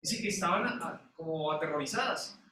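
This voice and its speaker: A male pastor preaching a sermon, animated and putting questions to the congregation. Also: a little high, a little fast, crowd noise. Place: church sanctuary. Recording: echoey church hall, mic at a distance.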